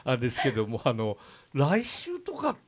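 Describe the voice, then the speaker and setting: Lively chatty radio host man. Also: mid-range voice, moderate pace, slight background noise. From Aichi, Japan. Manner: chatty, many fillers and laughs. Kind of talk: casual radio chat. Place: radio studio.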